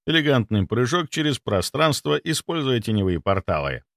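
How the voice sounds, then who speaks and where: A man narrating a first-person audiobook in an expressive, wry manner. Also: mid-range voice, moderate pace, no echo, studio quality.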